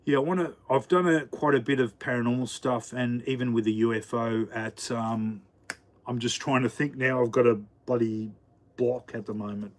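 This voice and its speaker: A man chatting casually on a live stream, rambling and halting with lots of fillers. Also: medium pitch, steady tone. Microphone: camera mic.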